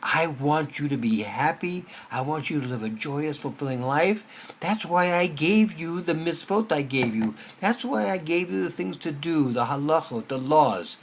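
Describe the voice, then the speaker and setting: A soft, tender divine voice , as a man puts it on speaks quietly and reassuringly. It stays gentle and hushed throughout, with a lively, rising lilt. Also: on the high side, normal speed, slight background noise, voice pushed up.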